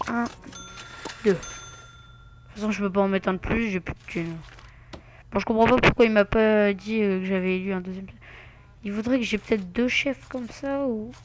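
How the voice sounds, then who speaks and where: A man's voice: high voice, normal speed, long pauses, slight background noise. A man giving casual gameplay commentary, muttering to himself with asides and mild swearing. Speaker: let's play gamer.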